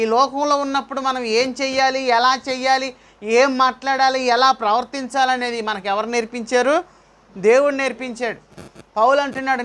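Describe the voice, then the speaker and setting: A man's voice: very high-pitched, a bit bright. A male pastor preaching a sermon, asking the congregation questions and calling out praise. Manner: preaching with rhetorical questions and call-outs.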